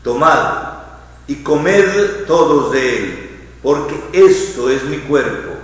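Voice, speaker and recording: A man, a bishop reciting the Eucharistic prayer in a measured, phrase-by-phrase liturgical delivery. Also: on the high side, animated, soft background music. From Colombia. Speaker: bishop celebrating Mass. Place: large church. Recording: echoey church with long reverb.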